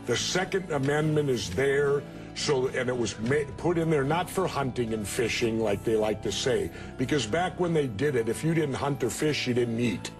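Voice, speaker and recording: A man in a heated TV debate, combative and interrupting, a former officeholder arguing his point. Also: medium pitch.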